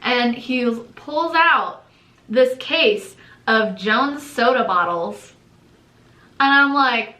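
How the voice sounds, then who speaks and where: Young woman chatting, acts out the quotes, bright voice, echoey room. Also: fairly high pitch, drawn-out words. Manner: animated, acts out quotes, laughs often. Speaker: channel co-host. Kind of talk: casual storytelling.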